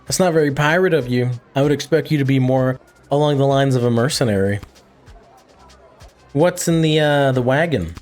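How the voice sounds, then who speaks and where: A man's voice: medium pitch, normal speed, a little mellow, faint music behind. Man doing wry gameplay commentary. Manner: wry, thinking aloud. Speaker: gaming video host. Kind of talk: casual let's-play commentary.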